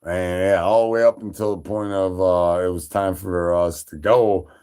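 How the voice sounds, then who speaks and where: A man from Chicago chatting loosely on a livestream, profane and rambling, with plenty of fillers and shout-outs. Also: sits low, fairly even intonation, moderate pace, smooth. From Chicago, Illinois. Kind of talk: rambling casual stream chat.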